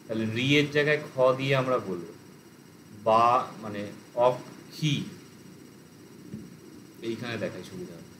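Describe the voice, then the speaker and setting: A man teaching an online language lesson, explaining grammar and reciting word forms slowly. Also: on the low side, background noise.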